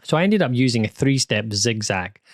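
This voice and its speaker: Man, British accent, casual chat, self-deprecating, middle pitch, dry room. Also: animated, moderate pace, no room sound. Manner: chatty and self-deprecating, with many asides and restarts. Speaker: quilting channel host. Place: home sewing room.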